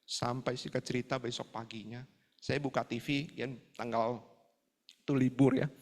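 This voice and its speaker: A man, an evangelist, giving a sermon with a personal testimony, telling his story in an animated way and acting out his prayers and conversations. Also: mid-range voice, moderate pace. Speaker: evangelist preaching at a prayer fellowship. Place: fellowship hall. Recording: long reverb of a hall.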